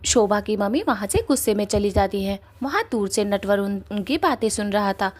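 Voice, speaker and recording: A woman's voice: medium pitch, moderate pace, darkish tone. A woman narrating a cartoon story in a plain, matter-of-fact way.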